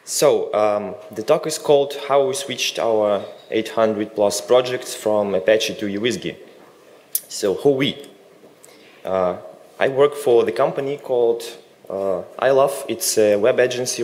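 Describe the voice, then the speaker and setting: A man from Russia giving a technical conference talk, with relaxed joking asides. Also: medium pitch, unhurried, slight background noise. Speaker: conference speaker. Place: conference hall.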